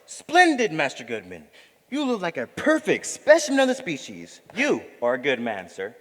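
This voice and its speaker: A man's voice: fairly high pitch, normal speed, in a large hall. A man playing a cheeky, mocking manservant. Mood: teasing. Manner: teasing, mock-flattering, playful. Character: cheeky, sly male manservant.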